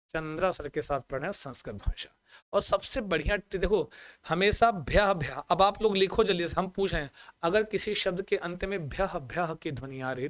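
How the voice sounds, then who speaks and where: A man teaching a Sanskrit exam-prep lesson online, chanting word forms slowly and coaxing his students with questions he answers himself. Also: a little high, fairly bright tone, no echo. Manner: asks the class questions and answers them himself.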